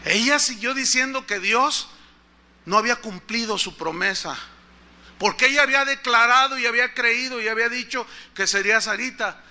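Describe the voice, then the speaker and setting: At a moderate pace, a male pastor preaches a sermon built around a story, turning to the congregation to ask questions. His voice rings bright and sharp and sits high for a man.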